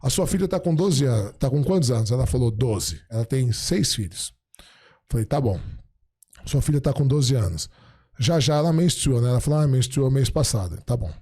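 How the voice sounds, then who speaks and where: A middle-aged man, a podcast guest, chatting casually and telling stories, acting out the dialogue he quotes in an animated way. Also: mid-range voice, normal speed, husky. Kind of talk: casual storytelling chat.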